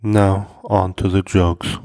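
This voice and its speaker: A man hosting a comedy podcast, telling self-deprecating stories and jokes in a dry, deadpan delivery. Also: low-pitched, takes it slowly. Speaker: podcast host.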